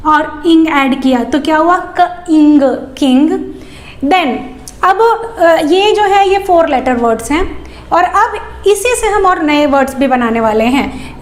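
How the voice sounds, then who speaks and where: A woman giving a phonics lesson for parents, patiently repeating sounds slowly and clearly. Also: high-pitched, roomy sound. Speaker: English teacher for parents of young children. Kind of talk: phonics lesson in Hindi mixed with English.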